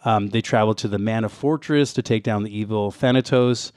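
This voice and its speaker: A man's voice: on the low side, a little fast, darkish tone, dry recording, clean studio sound. A man co-hosting a casual retro gaming podcast, presenting background notes with wry, joking asides. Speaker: co-host giving game background.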